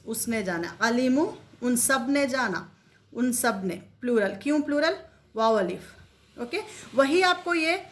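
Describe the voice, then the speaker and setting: A woman's voice: high-pitched, fairly bright tone. A woman teacher walks learners through Arabic verb endings. She drills each form several times and asks rhetorical questions as she explains. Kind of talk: explanatory lesson.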